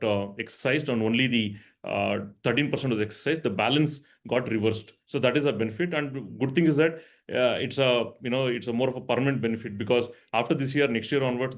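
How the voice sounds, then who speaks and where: A medium-pitched man, a company finance executive, explains his answers on an earnings call, frequently checking in with "right?".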